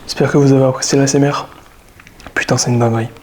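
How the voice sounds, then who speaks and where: A man's voice: mid-range voice, flat delivery, fast, a little mellow, a little hiss or hum. A young man vlogging casually about his training, giving coaching tips in a chatty, slangy way. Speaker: fitness vlogger. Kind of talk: casual vlog talk to camera.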